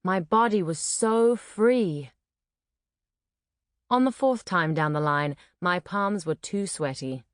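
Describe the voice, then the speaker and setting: A woman's voice: fairly low pitch, no room sound, studio quality. Woman narrating a first-person audiobook. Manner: clear, expressive storytelling.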